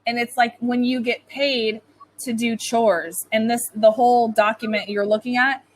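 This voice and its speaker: Speaking at a moderate pace with a fairly high, steady voice, the North American woman casually tutors English over a video call, peppering her talk with "like". The recording is rough, with slight background noise.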